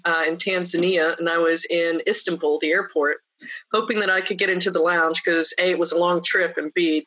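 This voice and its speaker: Appearing as a guest on a podcast, a woman with a fairly deep voice shares her story in a bright, forceful tone. She's animated and full of anecdotes, imitating the people she quotes. The recording quality is poor.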